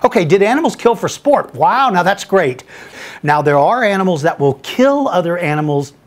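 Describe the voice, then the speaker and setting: A man's voice: sits high, sing-song, normal speed. A man hosting a paleontology podcast, answering listener questions in an enthusiastic, folksy way and calling listeners buddy.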